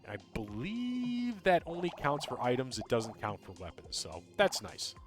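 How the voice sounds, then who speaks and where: A male game streamer talks through his run and answers chat, mumbling and rambling with plenty of ums. His pitch swings widely and he sounds animated. Soft game music plays faintly behind him. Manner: tends to mumble and talk fast; rambling, full of ums and uhs. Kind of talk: casual gameplay commentary, chatting with viewers.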